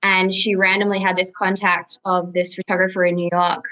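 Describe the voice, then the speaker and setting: A young adult woman from Australia with an Australian accent, chatting casually as a podcast guest, relaxed and full of ums and likes. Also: lowish voice, normal speed, low-quality recording. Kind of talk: casual interview chat.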